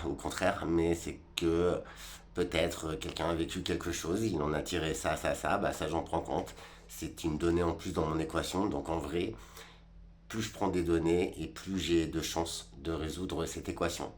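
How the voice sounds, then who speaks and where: Very deep-voiced man in his forties. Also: a little hiss or hum. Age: 40s. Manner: rambling, colloquial, talks straight to the viewer. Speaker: vlogger. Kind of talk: casual reflective monologue.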